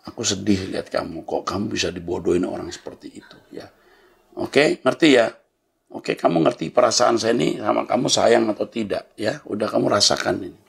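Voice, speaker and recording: Male pastor, low gravelly rasp, blunt fatherly scolding while answering listener letters. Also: expressive, fairly quick.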